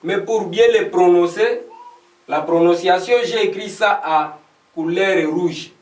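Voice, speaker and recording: A man from the Democratic Republic of the Congo teaching a beginner English lesson, slowly repeating every phrase. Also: high voice. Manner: slow, repetitive, spelling out each word. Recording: echoey room, voice from a distance.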